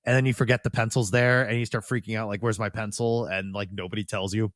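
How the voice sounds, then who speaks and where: A man's voice: lowish voice, steady tone, fast talker, a bit bright, dry recording, studio quality. A man hosting a podcast and chatting casually. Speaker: podcast host. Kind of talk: casual chat.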